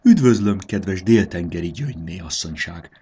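A man voicing a polite, formal and slightly grumbling gentleman in a storybook. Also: low voice, expressive, lo-fi sound, a little hiss or hum. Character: courteous, gruff grown-up man Módusz.

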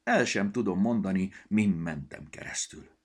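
A man's voice: sits low, animated, a little mellow, slightly rough. A man voicing a nervous, easily frightened talking glove. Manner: jittery, whispering then shrieking.

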